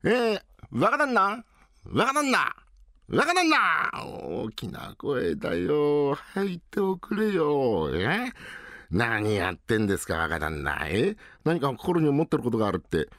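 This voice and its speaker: A rough-spoken, cheeky working-class tradesman, put on by a male rakugo storyteller. He teases and prods bluntly, his pitch leaping about. The sound is dry and close. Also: big pitch swings, a little slow, no room sound. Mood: prodding.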